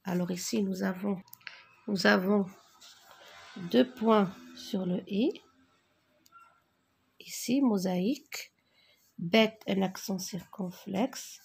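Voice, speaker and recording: A woman teacher going slowly through a spelling exercise, dictating words and naming each accent mark. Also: medium pitch, vocal fry, darkish tone, slightly rough. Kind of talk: worksheet correction lesson.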